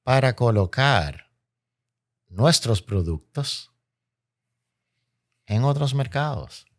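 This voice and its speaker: Dominican man, Caribbean Spanish accent, interview expert. Slow, deliberate delivery with fry, emphatic and rhetorical. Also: mid-range voice, lively intonation. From Dominican Republic. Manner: emphatic, oratorical, repeats phrases for effect. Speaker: interview guest, logistics expert. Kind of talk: explanatory interview talk.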